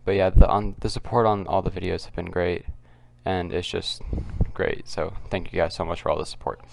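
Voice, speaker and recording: A man speaks in a quiet, low voice with a gravelly creak. He delivers casual, off-the-cuff commentary as a video host, often halting and circling back to repeat himself. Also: steady tone, a little hiss or hum. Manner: kept quiet, subdued because others are nearby. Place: at home, others nearby.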